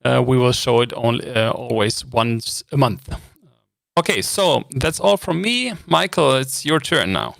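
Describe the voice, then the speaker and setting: A man from Germany co-hosting a live web show, speaking in a friendly, halting way with frequent fillers. His voice has a gravelly, creaky edge and sounds dry and close, with no room around it. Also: medium pitch, lively intonation, a bit bright, no room sound. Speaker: co-host. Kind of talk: live online panel introduction.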